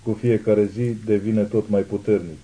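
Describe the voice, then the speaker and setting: A man's voice: on the low side, steady tone, dark tone, lightly acted, poor audio. A man voicing a female cult prophetess in a trance, speaking in a weak, trembling voice. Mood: urgent.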